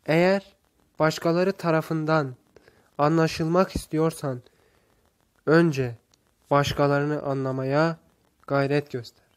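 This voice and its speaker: A man's voice: a little high, steady tone, slow, pauses often, smooth. A man voicing a wise old master. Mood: earnest. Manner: earnest, instructive calling out. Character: wise old male master, calm and instructive.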